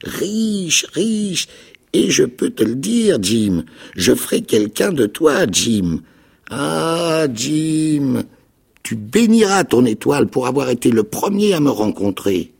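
An actor playing a ragged, half-mad old marooned pirate with a raspy, creaking voice, pleading and eager in a dramatic radio reading of a novel. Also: male voice, measured pace, heavily acted. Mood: excited. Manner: high, pleading, eager voice with excited leaps.

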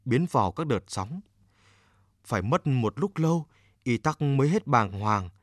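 A man narrating a children's story with a steady, expressive reading. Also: medium pitch, no echo. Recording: dry close mic with faint music.

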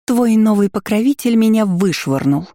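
Lady putting on a nasty hissing spider spirit lady, storybook villain, mellow dry voice. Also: fairly low pitch, big pitch swings, a little slow, no echo, heavily acted. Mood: furious. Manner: hissing, venomous. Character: spiteful scheming female spider spirit.

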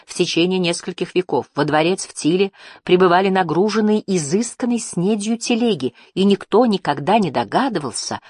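A woman narrating a children's adventure audiobook in a measured storytelling manner. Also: lowish voice, breathy edge, dry recording, clean studio sound.

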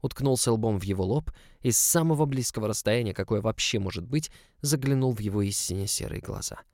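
A man's voice: fairly low pitch, a little fast, a little mellow, no echo. A man narrating a story in the first person, in an intimate, close storytelling manner. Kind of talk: audiobook narration.

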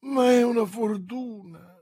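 A man's voice: extremely high pitch, slow pace, warm tone, slightly rough, voice pushed up, heavily acted. A man voicing an anxious, thrifty middle-aged wife in an audiobook reading, hesitant and speaking with a faint voice.

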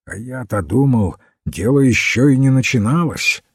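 A man's voice: mid-range voice, expressive, normal speed, slightly rough, dry recording, studio quality, voice pushed up. A man playing a curt, anxious young man. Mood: agitated. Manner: agitated, curt.

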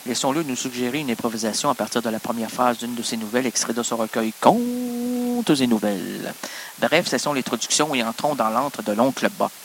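Man, Québécois accent, improv comedy host, playful rambling banter, animated pitch. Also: brisk, a little hiss or hum, low-quality recording. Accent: Québécois French. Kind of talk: live comic improvisation.

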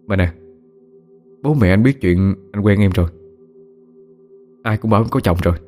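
A man's voice: fairly low pitch, moderate pace, darkish tone, soft background music, close to an everyday voice. A man doing a pleading young son. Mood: earnest. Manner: pleading, defensive.

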